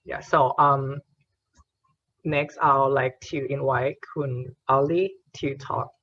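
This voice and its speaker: A man moderating a panel in a gentle, unhurried way, with many fillers. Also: medium pitch, fairly even intonation, dull audio.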